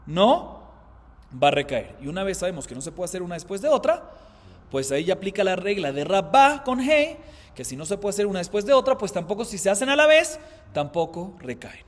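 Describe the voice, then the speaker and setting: A man, a rabbi, teaching a Talmud class, explaining by asking and answering his own questions and chanting Aramaic quotations slowly. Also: high voice, very animated, big-room sound. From Colombia.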